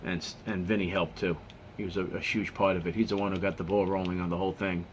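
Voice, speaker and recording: A man vlogging to camera in a casual, earnest way, with many restarts, often dropping low and quiet on sincere points. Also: flat delivery, fast, slight background noise.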